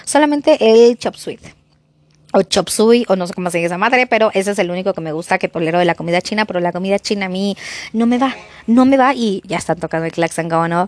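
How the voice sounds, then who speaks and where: A woman with a Mexican Spanish accent gives relationship advice in an unscripted, slangy monologue. She is expressive and chatty and wanders off topic easily. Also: mid-range voice. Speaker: vlogger giving relationship advice.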